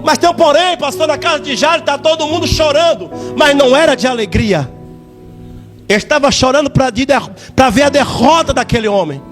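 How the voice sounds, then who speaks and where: A man giving a fervent church testimony in a sing-song preaching manner, repeating words and rising to shouts. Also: very high voice, brisk, music in the background.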